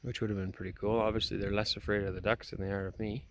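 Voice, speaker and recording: A man's voice: lowish voice, little pitch movement, fast, slight background noise. A man chatting casually to the camera as he walks around his homestead, rambling with lots of "uh" fillers. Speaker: homesteader vlogger. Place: outdoors on a farm, then indoors in a house. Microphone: handheld camera.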